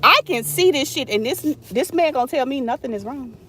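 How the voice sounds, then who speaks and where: A woman's voice: high-pitched, animated, fairly quick, sharp tone. Frustrated woman venting in a noisy car. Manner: frustrated, blunt, swears freely. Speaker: vlogger. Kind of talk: casual venting vlog.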